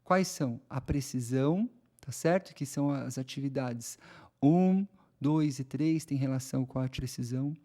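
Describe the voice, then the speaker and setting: A man's voice: mid-range voice, normal speed, warm tone. A man with a Brazilian Portuguese accent explaining a reading lesson to teachers in a conversational way, often checking in with his listeners. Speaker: educator.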